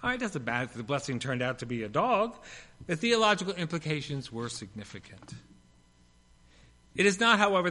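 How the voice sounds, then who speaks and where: A male pastor of medium pitch delivers a sermon that swings between loud, emphatic lines and hushed ones, dropping in playful, humorous asides.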